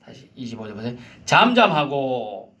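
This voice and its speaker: Lively, dramatic male pastor preaching. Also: medium pitch, moderate pace. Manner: dramatic, shouts commands and drops to near-whispers. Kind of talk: sermon.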